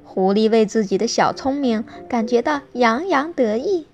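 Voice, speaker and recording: A woman gently narrating a bedtime story to children in an expressive storytelling voice. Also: a little high, normal speed, soft background music.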